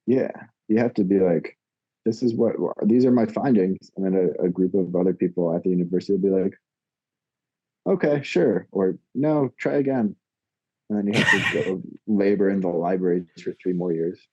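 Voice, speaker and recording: A man's voice: sits low, steady tone, fast, breathy edge, dry recording, highs cut off. A man talking as a podcast guest in a casual, laid-back way, rambling a little and joking dryly. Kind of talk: casual chat.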